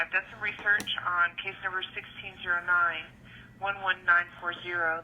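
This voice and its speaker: A woman's voice: fairly low pitch, muffled recording, slight background noise. A woman police detective leaving a formal, procedural voicemail message, played back from a phone recording. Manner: formal, procedural, hesitant with fillers.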